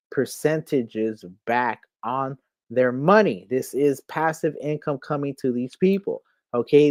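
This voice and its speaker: An excitable crypto channel host walks viewers through a screen, stacking up "okay?" and "look at this right here" between points. The voice sits in a middling register. It comes across dry and close, with no room around it. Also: medium pitch, no echo. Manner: hyped, keeps repeating "okay?" and "right here"; addresses viewers as "my people". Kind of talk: screen walkthrough commentary.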